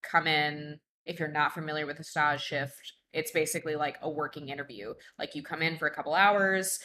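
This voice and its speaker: Bright-voiced chatty woman host. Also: low-pitched, steady tone, fairly quick, slight background noise. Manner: chatty, laughs easily, lots of fillers. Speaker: podcast host and bartender. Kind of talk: casual interview chat.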